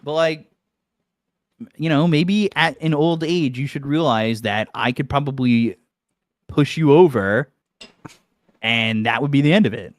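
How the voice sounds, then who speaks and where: A man telling a story on a podcast in a heated, profane, animated rant. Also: mid-range voice, measured pace, long pauses, no room sound, clean studio sound.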